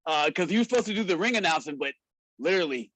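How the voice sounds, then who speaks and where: A man's voice: on the high side, animated, racing, a bit bright, no echo, low-quality recording. A man, a wrestler and show promoter, telling stories in a casual, slangy way and laughing often. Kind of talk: casual storytelling in a podcast interview.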